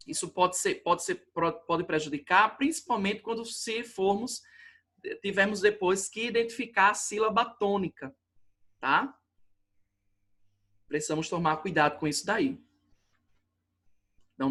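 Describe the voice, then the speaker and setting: A man's voice: sits high, sharp tone. A man with a Brazilian accent teaching a grammar lesson, patiently explaining at the board and often checking that students follow.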